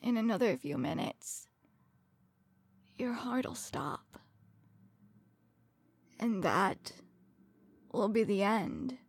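A woman playing a coldly tender serial killer in a soft, breathy ASMR role-play, slowly soothing her victim as if comforting someone in her lap. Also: mid-range voice, lively intonation, full character voice. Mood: tender, hushed.

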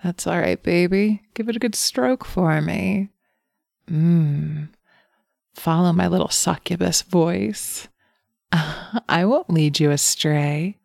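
A wicked, playful succubus purrs in a low, unhurried voice with a gravelly edge, played by a woman. She teases and often sinks into breathy whispers right at the mic. The sound is dry and close, with no room around it. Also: darkish tone, dry recording, full character voice. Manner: teasing, breathy, slips into whispers. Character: seductive teasing female succubus, playful and wicked. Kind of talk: erotic audio roleplay.

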